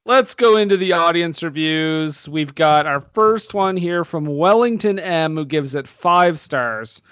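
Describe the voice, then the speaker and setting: A man with a slightly high voice co-hosts a casual movie podcast, reading out reviews and laughing often. The sound is dry and a little dull. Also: a little slow, a bit bright, smooth, no room sound. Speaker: podcast co-host.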